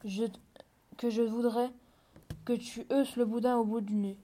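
A woman reading the part of a peasant husband in a fairy tale, in a flat, even way. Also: medium pitch, fairly quick, lightly acted. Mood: angry. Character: hot-tempered peasant husband, middle-aged man. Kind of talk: read-aloud fairy tale dialogue.

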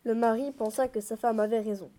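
A woman narrating a fairy tale aloud in a measured, expressive way. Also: on the high side. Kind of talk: storybook reading.

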